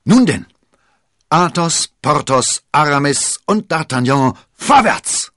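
A man voices a proud, wounded musketeer who is cool and commanding, declaiming his lines in a raised voice with a bold, rousing mood. His medium-pitched delivery is very animated at a moderate pace, pitched above his own natural voice. The sound is clean studio audio with no room sound.

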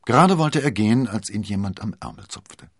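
Male audiobook narrator, deep and husky, expressive storytelling. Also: brisk, no room sound, clean studio sound.

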